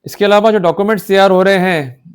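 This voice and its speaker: A fast-talking man with a high-pitched, smooth voice and an Indian accent lectures on law in Hindi, slipping in English legal terms. He's emphatic and instructive, often firing off quick questions to check comprehension.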